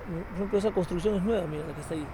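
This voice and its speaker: A man's voice: sits high, rapid-fire. A talkative man in his fifties with a Peruvian Spanish accent, interviewed outdoors in his hillside neighborhood. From Peru. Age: 50s. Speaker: local activist interviewee. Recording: noisy outdoor street recording.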